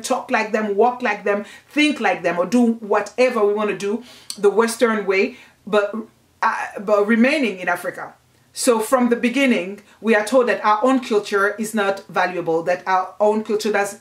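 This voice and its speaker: A woman, giving an earnest, emphatic book review in a casual vlog. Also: mid-range voice. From Congo. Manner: earnest, emphatic, repeats herself while thinking. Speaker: book vlogger.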